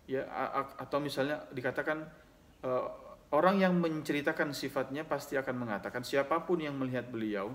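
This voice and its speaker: A man's voice: mid-range voice, fairly quick, fairly bright tone. A man giving a religious lesson, reciting Arabic hadith text and then explaining it at length, often adding "ya" between phrases. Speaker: Islamic teacher.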